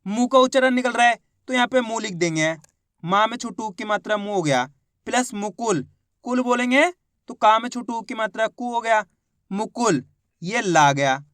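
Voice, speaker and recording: A woman teaching how to read and write Hindi words, sounding each one out slowly and repeating it. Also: fairly high pitch, lively intonation, fairly bright tone, no room sound, studio quality. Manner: slow, repeats each word twice, asks the viewer questions. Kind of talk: spelling lesson.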